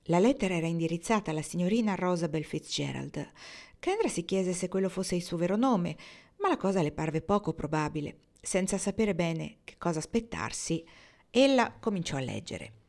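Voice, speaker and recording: A woman narrating a novel in a measured, expressive reading voice. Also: lowish voice, gravelly. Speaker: audiobook reader.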